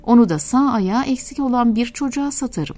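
A woman voicing a kind, generous male shoemaker in a storybook reading, gentle and playfully bargaining. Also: a little high, animated, brisk, pitched above the performer's own voice, natural voice.

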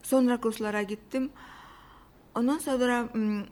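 A woman from Russia with a Russian accent, telling about her own life casually in simple, halting non-native Turkish with grammatical slips. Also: fairly high pitch, fairly even intonation, a little mellow. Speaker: interview guest. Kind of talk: casual personal storytelling.

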